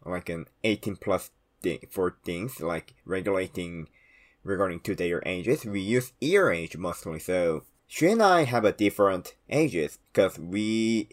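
Low-pitched young Korean man, tricky V sounds. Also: lively intonation, a little slow. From South Korea. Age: 20s. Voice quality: trouble pronouncing V sounds. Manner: non-native English phrasing. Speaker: podcast co-host explaining Korean customs. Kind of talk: casual explanatory talk.

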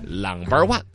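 A man from Dongguan in Guangdong, co-hosting a casual chat and playfully mimicking regional ways of speaking. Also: high voice. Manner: animated, playful, mimics dialects. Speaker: podcast co-host. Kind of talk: casual chat about dialects.

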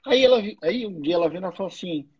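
A man's voice: high-pitched, animated, very fast, breathy edge. A man, co-hosting a casual chat, eagerly agreeing and telling stories with quoted dialogue. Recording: dull lo-fi sound.

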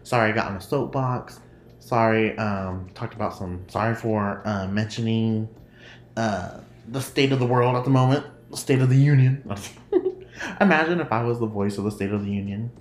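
A man with a fairly low, nasal voice hosts a casual solo podcast at a moderate pace, rambling and laughing often. The recording has a roomy echo and faint noise.

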